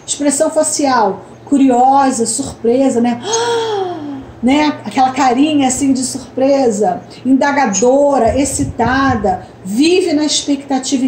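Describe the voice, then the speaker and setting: A middle-aged woman coach teaches in a high, clear voice, explaining each idea step by step and tagging her sentences with short questions to her listeners. She sounds roomy, recorded with echo and a faint hiss of background noise. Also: warm tone. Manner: explanatory, frequent tag questions. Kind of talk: online coaching lesson.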